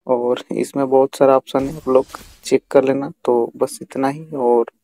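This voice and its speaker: In a rough recording, a tutorial video host gives casual, instructional narration over a screen recording, addressing viewers directly and repeating himself. He speaks a little slowly in a dark, mid-range voice with little pitch movement.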